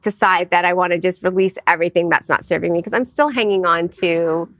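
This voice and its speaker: A middle-aged woman, a guest in a casual interview, telling a personal story in an animated way and acting out the voices of others. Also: lowish voice, a little fast, no room sound.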